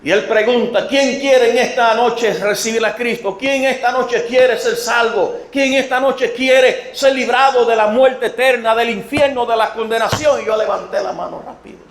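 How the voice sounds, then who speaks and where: A man around sixty with a Puerto Rican accent, preaching a sermon and telling his testimony, moving from storytelling to shouted emphasis. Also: very high voice, moderate pace, hardly any pauses. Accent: Puerto Rican Spanish. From Puerto Rico. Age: late 50s or 60. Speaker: evangelist. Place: church sanctuary. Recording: echoey church room.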